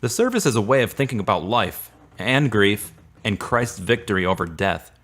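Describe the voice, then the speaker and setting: In a serial radio drama, an actor voices Derek, an earnest, supportive, slightly awkward male friend, speaking consolingly and a little formally. His fairly low voice swings widely in pitch at normal speed and sounds a bit bright.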